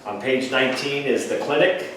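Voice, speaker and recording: A finance officer presents an explanatory financial report at a public board meeting, speaking in a plain, informal way with a mid-range voice at normal speed. He is captured by a distant room mic in an echoey meeting room, with faint noise.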